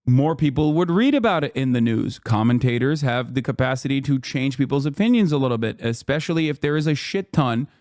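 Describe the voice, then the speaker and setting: A man's voice: medium pitch, animated, brisk, hardly any pauses, a little mellow, dry recording, studio quality. A man streaming a reaction, ranting heatedly about politics with heavy swearing and emphatic repetition. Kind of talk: live-stream reaction rant.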